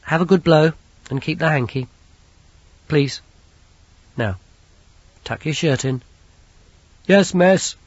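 A man voicing a stern, no-nonsense young governess who speaks in crisp, clipped commands. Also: fairly high pitch, takes it slowly, long pauses, no room sound, voice pushed up. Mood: brisk. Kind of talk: audiobook character voice. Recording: dull lo-fi recording.

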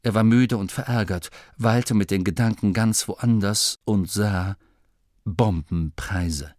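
A man narrating a story in an expressive, steady reading. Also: fairly low pitch, unhurried, no echo, clean studio sound. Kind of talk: audiobook narration.

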